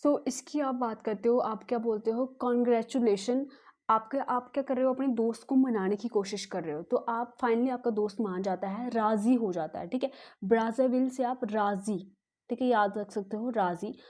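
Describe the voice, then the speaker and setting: Woman teacher doing exam prep tricks, chatty, keeps asking okay?, mellow kinda high voice. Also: moderate pace. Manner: chatty, ends almost every sentence with a checking "okay?"; mixes English words into Hindi.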